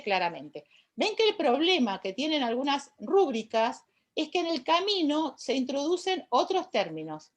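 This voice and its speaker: A woman with an Argentine Spanish accent teaches an online class in an explanatory way. Her voice sits high and moves animatedly across a wide pitch range. She keeps checking in with her listeners through short tag questions. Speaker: university lecturer.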